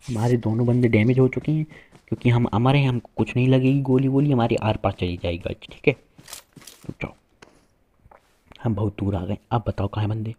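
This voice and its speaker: A man's voice: medium pitch, fairly quick, warm tone. A man giving playful, boastful live commentary to viewers while playing a shooter game, with gunfire behind him. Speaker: gaming streamer.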